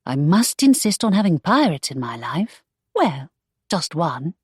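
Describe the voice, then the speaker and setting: A woman narrator voicing a spirited, earnest young gentlewoman in love, bright and playful. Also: low-pitched, very animated, unhurried, husky, no echo, studio quality, full character voice.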